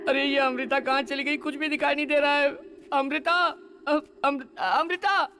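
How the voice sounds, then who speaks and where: Shrill cowardly comic guy. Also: steady tone, measured pace. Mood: panicked. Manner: shrieking, stammering, wailing for help. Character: cowardly comic young man, panicky. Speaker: dubbing actor. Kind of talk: Hindi film dub acting. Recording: loud noise under the voice.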